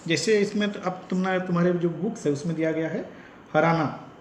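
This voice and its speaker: A man who trains teachers gives a slow lecture in Hindi with an Odia-influenced accent and repeats example sentences with stress. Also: on the high side, reverberant, slight background noise. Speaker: teacher educator.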